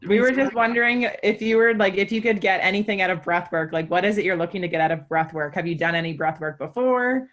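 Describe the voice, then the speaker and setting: A woman's voice: medium pitch, quick pace, few pauses, fairly bright tone, muffled recording. A woman casually hosting an online group call and inviting people to speak. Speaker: host of the online workshop.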